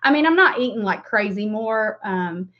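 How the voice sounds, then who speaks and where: An animated woman with a mid-range voice talks at normal speed. In her forties and speaking with a Southern US drawl, she hosts a beauty livestream and sells makeup, rambling casually through a tutorial with self-deprecating asides; the webcam sound is dull and lo-fi.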